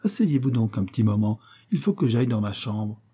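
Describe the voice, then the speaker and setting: A man's voice: on the low side, big pitch swings, brisk, mellow, slightly rough. A man reading aloud, voicing a prim, sly old spinster who refuses to give money.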